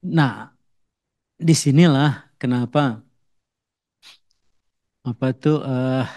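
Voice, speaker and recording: A man preaches at an ordinary pitch, in the easy tone of a chat rather than a formal address. He tags his points with casual filler and briefly lifts his voice to play both sides of a domestic spat. The sound is dry and close, with little room echo. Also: extremely slow, warm tone. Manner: acts out quarrels in raised voices. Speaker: pastor. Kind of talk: sermon.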